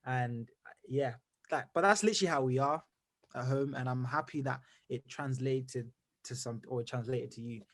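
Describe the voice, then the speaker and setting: A young man from Zimbabwe, a musician answering interview questions in an energetic, rambling way full of fillers. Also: mid-range voice, moderate pace. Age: young adult. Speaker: musician guest.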